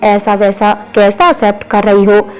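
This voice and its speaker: A woman's voice: medium pitch, level tone, moderate pace, a little mellow, smooth, faint music behind, close to an everyday voice, poor audio. A playful young husband from a romance story, teasing his wife, read by a woman narrator. The voice stays level, with very little rise and fall.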